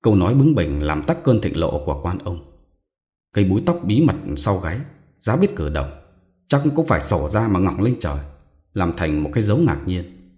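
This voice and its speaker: A man reading a short story aloud as narrator, with expressive storytelling. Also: low voice, moderate pace.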